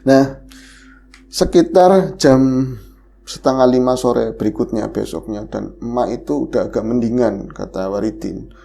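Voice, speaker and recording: Podcast host telling a horror tale, super gravelly voice, lively and jumpy delivery. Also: mid-range voice, a little slow. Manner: animated storyteller, voice jumping up on scary moments. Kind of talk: retelling a horror story in casual chat.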